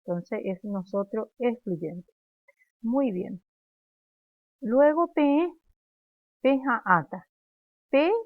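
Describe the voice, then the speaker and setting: Paraguayan woman teacher, unhurried, drills phrases for students to repeat, tinny dry recording. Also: medium pitch. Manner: slow, clear, repeats phrases for students to echo. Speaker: Guarani language teacher. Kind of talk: classroom lesson, drilling conjugations. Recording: dry, phone-like narrow sound.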